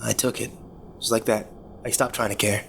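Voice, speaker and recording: Man acting a troubled, halting young man confessing, noisy recording. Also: fairly low pitch, flat delivery, fairly bright tone. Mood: bitter, regretful. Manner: halting, confessional, stammering over repeated words. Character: troubled rich young man confessing his cruel teenage past. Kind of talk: dramatic first-person horror story monologue. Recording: clear background noise.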